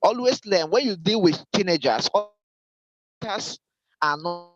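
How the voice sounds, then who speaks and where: A man with a high voice gives a church training lecture to Sunday school teachers. He speaks directly and instructively. He repeats his key points for emphasis. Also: animated, measured pace, rough recording.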